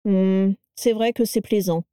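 A woman's voice: medium pitch, steady tone, a little slow, dark tone, smooth, dry recording, close to an everyday voice. A woman voicing a burly, blustering wizard who grumbles, sneers and panics easily, in a dry storybook reading. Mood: grumbling.

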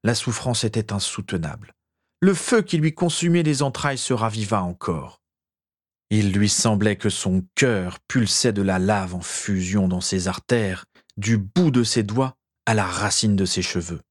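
A man narrating a story in a measured, expressive storytelling manner. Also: on the low side. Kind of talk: dramatic story reading.

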